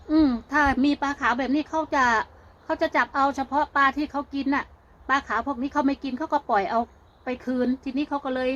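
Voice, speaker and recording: A woman's voice: sits high, fairly bright tone, poor audio. An older Thai woman with an Isan accent, chatting to her viewers in a folksy, homespun way. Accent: Isan (northeastern Thai). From Thailand. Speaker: vlogger. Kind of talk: casual chat to viewers.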